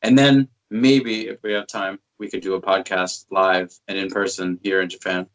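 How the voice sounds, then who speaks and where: A man's voice: low voice, level tone, moderate pace, a bit bright, low-quality recording. A man co-hosting a casual podcast, friendly and encouraging, answering mostly with short affirmations. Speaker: podcast co-host.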